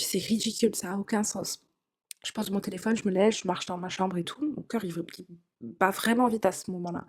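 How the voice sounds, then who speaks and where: A young woman telling a personal story in the first person, in a casual, chatty way, with fillers and asides to the listener. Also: mid-range voice.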